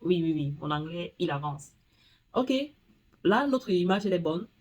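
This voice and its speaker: A woman hosting a casual screen-recording tutorial, talking straight to the viewer and reading English screen text haltingly. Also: on the low side, expressive, lo-fi sound. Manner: chatty, talks straight to the viewer. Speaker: tutorial host.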